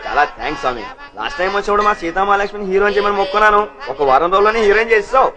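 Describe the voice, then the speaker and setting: A man's voice: sits high, animated, rapid-fire. An actor playing a chatty, cheeky young man who pleads for a chance in films, in feature film dialogue. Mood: cheeky pleading. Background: film music.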